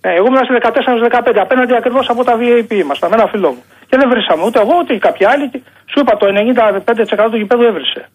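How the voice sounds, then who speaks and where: A man's voice: extremely high pitch, expressive, husky. A Greek man calling in to a sports radio show over the phone, insistent and repetitive as he argues his point. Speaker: caller. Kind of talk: call-in radio debate. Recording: phone line.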